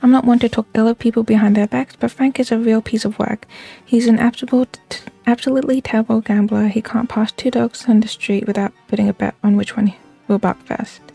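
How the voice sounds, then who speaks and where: A woman's voice: fairly high pitch, fairly even intonation, brisk, vocal fry, warm tone, breathy edge, faint music behind. A woman voicing a gossipy game villager who confides other people's secrets while claiming not to gossip. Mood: confiding, gossipy. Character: gossipy villager, eagerly spilling a noble family's secrets. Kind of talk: read-aloud game character dialogue.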